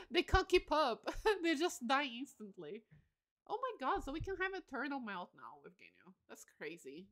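A late-twenties woman with a sharp-toned, mid-range voice chats frankly and casually during a game livestream. She seems a bit worn out but stays giggly, often joking about herself.

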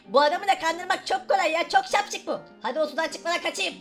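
A woman's voice: very high voice, brisk, fairly bright tone, soft background music. A woman doing a bossy, sly little boy. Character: cheeky mischievous little boy.

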